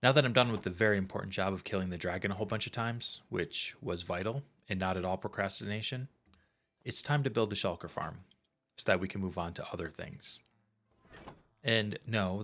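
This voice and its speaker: A man's voice: low-pitched, brisk, a bit bright. A man giving casual gameplay commentary, chatty and self-mocking, with jokey asides to his viewers. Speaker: gaming YouTuber.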